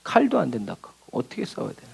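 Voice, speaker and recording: This male pastor speaks at medium pitch but swoops wildly up and down, talking quickly with vocal fry and a dark, husky tone. In his midweek sermon he fires off rhetorical questions, answers them, and performs the quotes he cites.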